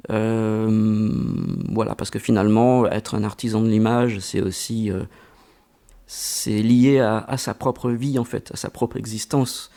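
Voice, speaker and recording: A man's voice: lowish voice, steady tone, warm tone. A man answering interview questions in a reflective way, with frequent hesitations and repeated words. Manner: slow and halting, many hesitations and repeated words. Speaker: interviewee, amateur voice actor.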